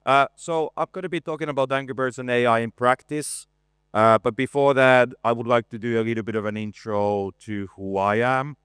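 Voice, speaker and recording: A man in his forties giving a conference presentation, relaxed and self-deprecating, with frequent hesitations and a voice worn from talking a lot. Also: mid-range voice, normal speed, smooth, no room sound, studio quality. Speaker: conference speaker, art director. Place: conference stage.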